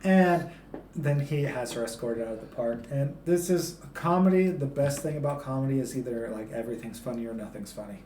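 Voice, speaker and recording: A man's voice: mid-range voice, fairly quick, mellow. A man co-hosting a casual movie review chat, laughing often and stumbling over names as he talks. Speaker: podcast co-host. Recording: echoey room, faint background hiss.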